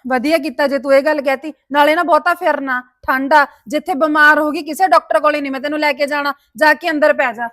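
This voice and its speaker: A bossy sister-in-law, played by an actress with a very high voice that scolds at speed. The recording is dry and close. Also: female voice, fairly even intonation, fast, hardly any pauses, a bit bright, no echo. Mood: scolding. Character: domineering village sister-in-law, adult woman. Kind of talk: village short-film acting.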